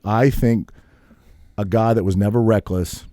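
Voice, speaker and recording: A man's voice: lowish voice, steady tone, measured pace, mellow, no echo, clean studio sound. A man in his thirties co-hosting a podcast, telling stories in a casual, profane way and laughing at himself. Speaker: podcast co-host.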